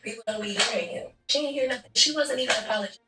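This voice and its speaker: A woman's voice: on the high side, rapid-fire, roomy sound, distant mic, music in the background, rough recording. A woman speaking in character during a game roleplay, firm yet consoling, like a big sister setting a friend straight. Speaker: roleplay gamer.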